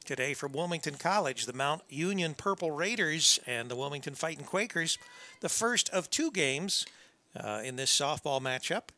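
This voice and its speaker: A man giving conversational, unscripted play-by-play softball commentary with folksy asides. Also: on the high side, expressive, normal speed. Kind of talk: unscripted live sports commentary. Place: press box at a college softball field.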